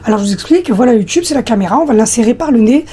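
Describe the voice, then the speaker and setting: A woman in her thirties with a husky, slightly hoarse voice, chatting casually to her viewers with many hesitations. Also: on the high side, expressive, rapid-fire, warm tone. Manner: hesitant, many fillers, talks directly to viewers. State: hoarse after flu, coughing. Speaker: lifestyle vlogger.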